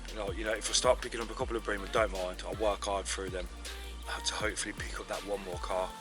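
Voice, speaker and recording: Music plays under this fishing vlogger as he speaks quickly in a fairly low voice beside a lake. Chatting loosely to the camera, he comes across as relaxed but tired and congested, leaning heavily on fillers.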